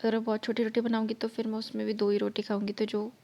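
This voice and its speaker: A woman's voice: on the high side, completely flat delivery, fast, warm tone. A woman narrating her cooking vlog, explaining each step in a chatty way, her throat slightly sore. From India. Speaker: vlogger.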